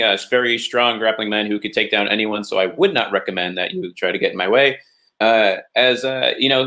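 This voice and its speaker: A man's voice: medium pitch, sharp tone. A man guest on a roundtable show, a wrestling referee, introducing himself in an eager, rambling way with many fillers. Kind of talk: casual roundtable chat.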